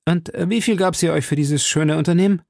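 A man's voice: fairly high pitch, brisk, creaky, a little mellow, no echo, clean studio sound, pitched above the performer's own voice. A man voicing d'Artagnan, a bold, fiery young musketeer who speaks in a commanding, threatening way.

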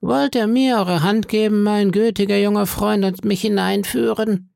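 A man voicing a menacing blind old sea beggar in an audiobook, speaking in a slow, eerie sing-song that sounds cruel and cold. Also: high-pitched, fairly even intonation, vocal fry, darkish tone, no room sound, clean studio sound, voice pushed up. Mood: wheedling. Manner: slow, drawn-out wheedling delivery.

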